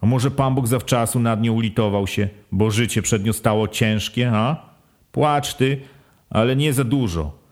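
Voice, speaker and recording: A man voicing an old village father in an audiobook, low and weary, speaking with resigned fatalism. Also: measured pace, darkish tone, close to an everyday voice. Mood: consoling. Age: older.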